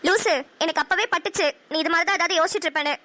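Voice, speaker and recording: A woman's voice: extremely high pitch, racing, pushed and bright, pitched below the performer's own voice. A woman voicing a teasing, caring young woman in a cartoon series.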